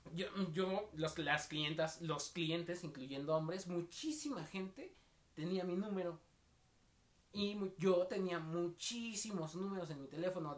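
A young man with a Mexican accent, co-hosting a casual podcast and telling anecdotes with slang, acting out the voices of the people he quotes. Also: on the high side. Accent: Mexican Spanish. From State of Mexico. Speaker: podcast co-host.

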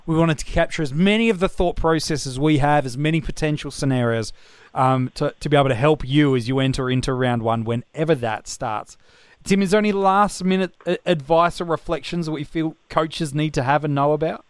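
A man's voice: on the high side, brisk, clean tone, no echo. An Australian man hosting a podcast in a casual, conversational style. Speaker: podcast host.

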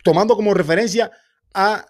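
A Cuban man with a high voice argues his side on a boxing talk show. He is insistent and pleading and says the same thing again and again to be heard. The talk is heated but casual. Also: brisk. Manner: insistent, pleading, repeats himself. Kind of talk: heated casual sports debate.

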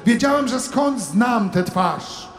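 A man delivering a satirical sermon monologue as a comic preacher, theatrical, moving from hushed asides to shouted preaching. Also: very high voice, animated, slow, reverberant, long reverb tail.

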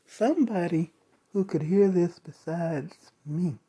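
Slow husky voice telling a spooky story. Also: medium pitch, mellow. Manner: slow, measured retelling with dramatic pauses. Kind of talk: first-person spoken ghost story.

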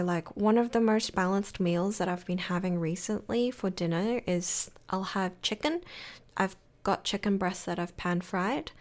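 A young woman, hosting a podcast in a rambling, reassuring way, her morning voice cracking. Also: on the low side. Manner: rambling, reassuring, many fillers. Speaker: podcast host. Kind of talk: casual solo podcast talk.

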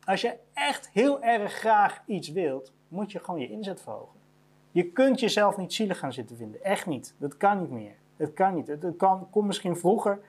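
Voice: medium pitch, sing-song, moderate pace, darkish tone, slightly rough. A business owner giving a blunt motivational monologue about career advice, repeating each point to hammer it home.

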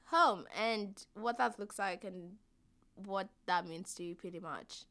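A young woman with a medium-pitched voice interviews someone casually, speaking a little slowly. She peppers her questions with "like" and lets her sentences trail off softly.

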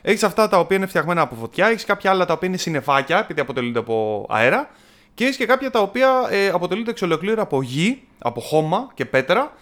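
A man's voice: sits high, very animated, fairly bright tone. A man in casual chat, telling a film's story in a rambling, jokey way with many fillers.

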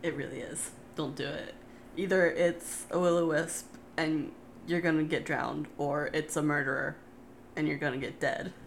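A woman co-hosting a podcast, chatting casually and telling a personal story with wry, quick asides. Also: deep voice, gravelly, slight background noise. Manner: relaxed and wry, quick asides, laughs often. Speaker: podcast co-host.

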